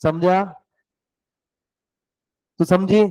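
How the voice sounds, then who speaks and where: A man's voice: high-pitched, steady tone, drawn-out words, mellow, smooth, no echo, rough recording. A male economics teacher with a sore throat, lecturing a class and teasing his students while switching between Hindi and English definitions.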